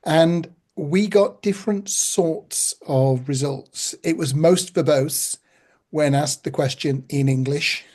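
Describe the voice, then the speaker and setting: A man hosts a podcast interview, his voice sitting fairly high. He explains things at a measured pace. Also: a little mellow. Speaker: podcast host. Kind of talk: casual interview talk.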